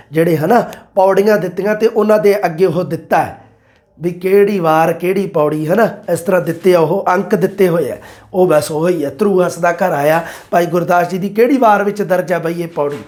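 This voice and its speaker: A man, an exam-prep teacher explaining multiple-choice answers and quoting verses slowly. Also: high-pitched, darkish tone. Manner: addresses listeners as "bai", quotes verses slowly.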